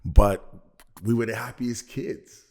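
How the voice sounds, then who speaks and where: A man's voice: medium pitch, fairly even intonation, slow pace, vocal fry. A man from Belgium, a motivational speaker, talking earnestly and reflectively as a podcast guest. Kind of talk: casual podcast conversation.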